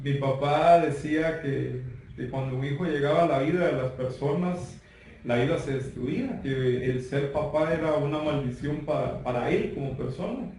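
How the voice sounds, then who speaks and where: A man's voice: fairly high pitch, moderate pace, darkish tone. Earnest Guatemalan man, roomy far sound. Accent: Guatemalan Spanish. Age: 30s. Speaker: guest giving testimony. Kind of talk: personal testimony. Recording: roomy far-off mic with faint noise.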